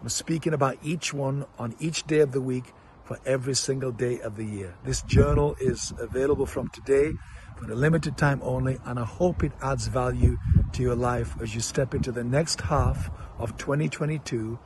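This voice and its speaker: A man's voice: mid-range voice, moderate pace. Encouraging man, noisy outdoor recording. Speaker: motivational mentor. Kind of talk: upbeat motivational talk to camera. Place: outdoors by a leafy hedge.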